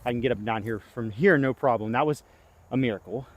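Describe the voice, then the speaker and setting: Young male vlogger outdoors, casual play-by-play, out of breath, jumps to excited yelps at his throws, mid-pitch voice. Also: quick pace. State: winded and tired. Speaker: disc golf vlogger. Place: outdoor disc golf course.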